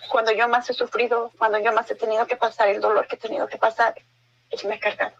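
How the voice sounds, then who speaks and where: A middle-aged woman giving an emotional personal testimony as a guest, halting and earnest, often repeating her words. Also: on the high side, flat delivery, lo-fi sound.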